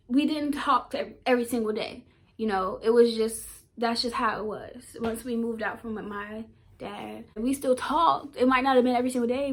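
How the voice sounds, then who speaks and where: A woman in her twenties with a fairly high voice, talking to camera as a vlogger. She tells a personal story in a loose, casual way. Her delivery is heartfelt and emotional.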